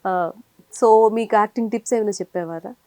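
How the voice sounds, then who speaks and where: A woman interviewing a guest, softly humming along and mixing English words into her questions. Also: medium pitch, fairly quick, no room sound. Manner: frequent soft backchannel hums, mixes English. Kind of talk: casual interview.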